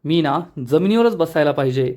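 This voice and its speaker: A man's voice: fairly high pitch, expressive, moderate pace, darkish tone, lightly acted. A man voicing a playful lovestruck young husband in a spoken serial recap, with a cheeky manner.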